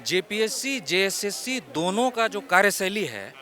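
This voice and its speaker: Man, very high bright voice, argumentative, rhetorical questions, outdoors on a street. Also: big pitch swings, unhurried. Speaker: exam candidate protester. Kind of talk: street interview.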